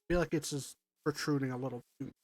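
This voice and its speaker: This man talks fast in a mid-range, steady voice over a little hiss or hum. He's a livestreamer rambling through casual commentary on his block-building game, congested from allergies as he thinks aloud.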